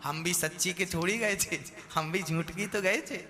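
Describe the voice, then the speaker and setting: A man voicing a freeloading house guest who talks in a low, chuckling, sly way. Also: moderate pace, lightly acted. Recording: reverberant hall with music.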